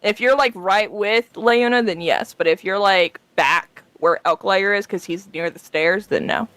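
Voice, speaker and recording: A woman's voice: medium pitch, measured pace, a bit bright, no room sound, poor audio. Casual woman game master, close dry sound. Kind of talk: casual improvised tabletop game narration.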